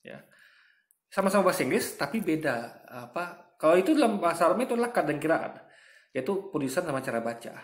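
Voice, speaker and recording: A man talks viewers through his reaction in a chatty, explaining way, his voice sitting a little high for a man. He keeps calling out to his audience as he goes. The sound bounces around an echoey room. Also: sing-song, quick pace. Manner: chatty, explains with everyday comparisons, keeps addressing viewers as guys. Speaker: commentator. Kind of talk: casual reaction commentary.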